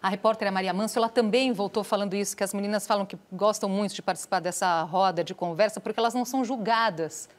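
Woman hosting a studio interview. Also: mid-range voice. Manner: measured questioning, sums up guests' points. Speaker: TV host.

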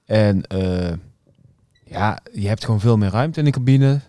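A man co-hosting a podcast, calmly explaining technical points in casual talk. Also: fairly low pitch, unhurried. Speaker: podcast co-host. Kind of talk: casual chat.

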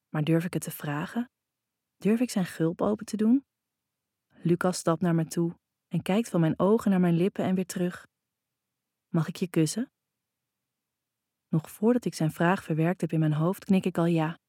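A woman reads a first-person romance story in an intimate, even way. Her voice is low and warm, close to the mic, with a dry sound and no room echo. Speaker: audiobook narrator. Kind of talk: first-person scripted narration.

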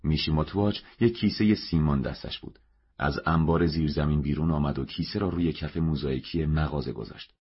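A man reading a novel aloud as narrator, in a steady, measured way. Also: extremely low pitch, slightly rough. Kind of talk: audiobook narration. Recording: dull lo-fi recording.

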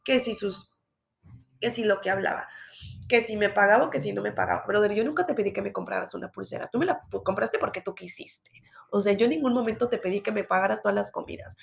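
A woman's voice: mid-range voice, vocal fry, a bit bright. A woman in her thirties with a Mexican accent, talking bluntly and profanely in a casual confessional monologue. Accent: Mexican Spanish. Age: 30s. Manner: blunt and profane, mocks her own past self.

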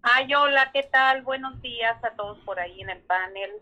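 A woman, calling in over the phone and telling her story in a halting way, often searching for words. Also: on the high side, bright, forceful tone. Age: 60s. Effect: heard over the phone. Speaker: caller. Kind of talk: telling a personal story on a live call-in. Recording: muffled phone line.

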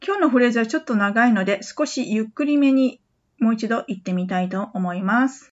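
A woman hosting a podcast English lesson, patiently repeating phrases slowly for practice. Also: on the high side, muffled recording. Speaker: English teacher.

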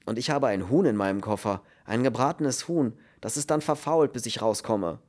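A man's voice: medium pitch, normal speed, darkish tone, lightly acted. A man voicing a fretful, luckless male refugee who frets and complains. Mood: worried. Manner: anxious, complaining. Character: fretful luckless male refugee, middle-aged, easily upset.

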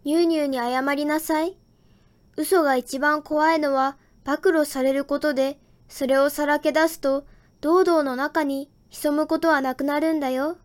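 A woman's voice: sits high, steady tone, moderate pace, natural voice. A woman playing a caring mother. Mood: advising. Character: caring mother scolding her child.

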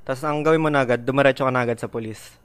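A man's voice: mid-range voice, very fast, clear, resonant tone. A young man in casual chat with friends who stumbles over his words and fills gaps with fillers.

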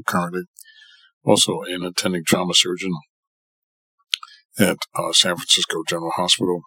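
On a podcast, a middle-aged man from New York City, a surgeon and professor, earnestly narrates his own story and frequently rephrases for emphasis. His low voice sounds bright and forceful with a breathy edge, recorded without echo at low quality.

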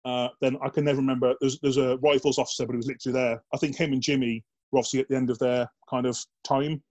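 A man's voice: mid-range voice, level tone, fast talker, a little mellow, muffled recording. A man with a mid-range voice tells army stories in an easygoing interview. His talk is blokey and loose, full of "like" and casual swearing. He keeps slipping into the voices of the people he is quoting. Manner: chatty and blokey, peppered with "like" and swearing, acts out quoted dialogue. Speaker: guest, former soldier. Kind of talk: casual anecdote telling in a podcast interview.

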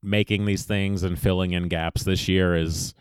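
Brief: young male podcast host, low smooth voice, dry and reflective. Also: flat delivery, unhurried, dry recording. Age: young adult. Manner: easygoing, reflective, dry humor. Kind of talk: casual chat.

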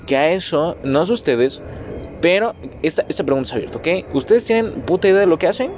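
A man's voice: fairly high pitch, expressive, brisk, darkish tone, slight background noise. A nineteen-year-old man with a Mexican Spanish accent hosting a casual solo podcast, rambling, self-mocking and swearing freely as he talks straight to his listeners. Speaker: podcast host.

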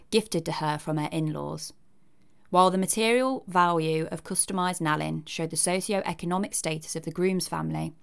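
Low-voiced woman narrator, creaky and wry. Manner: wry, cheeky, conversational. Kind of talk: scripted narration with chatty asides.

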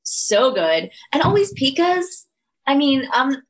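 A woman's voice: sits high, big pitch swings, slow pace, rough recording. A middle-aged woman with a Delco, Philadelphia-area accent chats casually and enthusiastically as an interview guest. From Delaware County, Pennsylvania, US. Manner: earnest, enthusiastic. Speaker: yoga studio owner, interview guest.

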